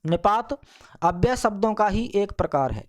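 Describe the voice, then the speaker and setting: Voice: mid-range voice, lively intonation, moderate pace. A teacher giving a grammar lesson to schoolchildren, speaking patiently and restating each point more than once. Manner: addresses the listeners as children.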